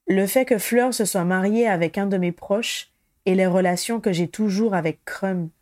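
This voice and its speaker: A woman's voice: medium pitch, moderate pace, darkish tone, no echo, studio quality, natural voice. A woman reading the lines of a weary grown-up male wizard hero, terse and guarded, in a storybook.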